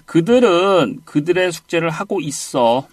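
A man with a fairly high, animated voice teaches an English conversation lesson, recorded with no echo. In these audio lesson drills he prompts his student briskly with short cues and keeps asking for repeats with "one more time".

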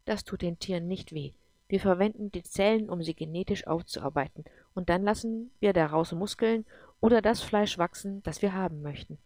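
A woman reading a calm, patient man. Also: fairly low pitch, moderate pace, no room sound, close to an everyday voice. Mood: patient, explaining. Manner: patient, explanatory. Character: calm adult man explaining his world.

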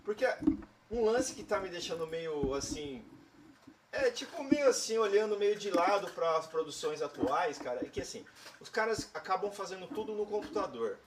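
A man chatting about music in a slangy, rambling way, full of opinions. His voice sits a bit high and comes from some distance off the mic, with a clear layer of noise behind it. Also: expressive, normal speed. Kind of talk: casual chat.

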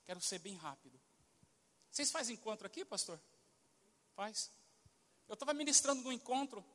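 A Brazilian pastor with an extremely high, pushed, bright voice and lively intonation tells a testimony during a sermon at a moderate pace. The sound carries a big-room echo, and he acts out the dialogue of the people in his story, speaking with a Brazilian Portuguese accent.

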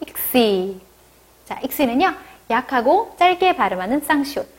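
A woman teaching a video lesson on pronunciation, explaining step by step and modelling each sound slowly. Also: on the high side, sing-song, slightly rough. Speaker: language teacher.

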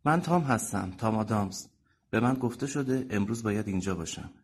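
Narrator doing an uneasy man character, husky, questioning. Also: fairly low pitch, lightly acted. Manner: hesitant, questioning. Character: uneasy young man summoned for a trip.

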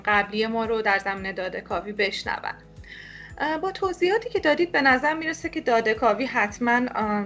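A woman's voice: fairly high pitch, fairly bright tone. Woman podcast host, polite formal questions, a few hesitations, faint music behind.

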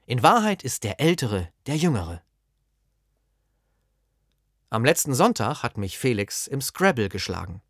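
A man of middle pitch narrates a scripted personal column, his intonation rising and falling in an animated way. He sounds wry and deliberate and lingers on his rhetorical questions. The recording is dry, with no room sound. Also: dry recording.

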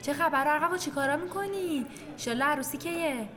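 A woman's voice: sits high, over music, lightly acted. An actress playing a cheerful, tired young woman musician in a radio play. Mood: bubbly. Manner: bubbly, defensive when questioned.

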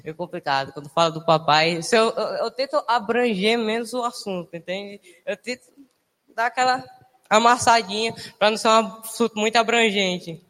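A young man gives a casual, emotional church testimony, halting and restarting as he talks. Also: sits high, a bit bright. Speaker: church member giving testimony. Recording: long hall reverb.

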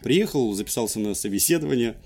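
A man's voice: medium pitch, lively intonation, fast, a little mellow. A young man, a TV journalist, answering as an interview guest in casual conversational storytelling. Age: young adult.

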